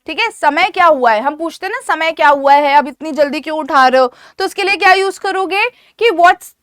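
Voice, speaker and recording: A woman teaches everyday English phrases in Hindi. Her voice sits very high, and she drills each phrase slowly and repeats it. The recording is dry and close, with no room sound. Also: lively intonation, a bit bright, dry recording. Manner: slow, drilled repetition of phrases. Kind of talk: Hindi-language English lesson.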